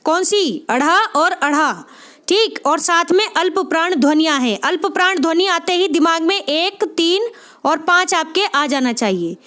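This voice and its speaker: A woman with a strikingly high voice delivers an exam-prep lecture. She goes step by step, repeats key points and keeps checking that listeners follow. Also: animated, unhurried, a bit bright. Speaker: teacher.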